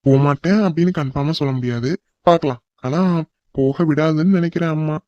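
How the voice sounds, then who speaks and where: A man voicing a teasing older brother in a cartoon family, calm and brotherly with the youngest sibling. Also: on the high side, brisk, dry recording, dull audio, natural voice. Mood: soothing. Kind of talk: cartoon voice acting.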